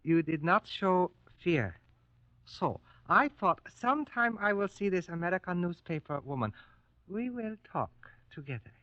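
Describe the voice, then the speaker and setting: An actor playing a polite, arrogant colonel in a grave 1940s radio war drama, speaking formally and condescendingly. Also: male voice, high-pitched, big pitch swings, a little slow, bright, forceful tone, no room sound, full character voice. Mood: admiring. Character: suave, arrogant Japanese colonel, polite captor. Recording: muffled old 1940s radio recording.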